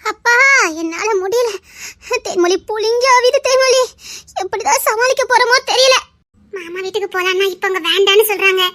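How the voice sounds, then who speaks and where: A fed-up young woman from a TV serial, speaking with a Tirunelveli Tamil accent. Her voice sits very high and sounds bright and sharp. She complains in a rushed, anxious way. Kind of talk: TV serial acting.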